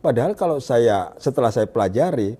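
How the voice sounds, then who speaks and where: Hesitant man with a mellow voice. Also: expressive, husky. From Indonesia. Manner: searching for words, halting restarts; drops to a hushed low voice when quoting. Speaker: guest giving a testimony. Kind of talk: conversational interview.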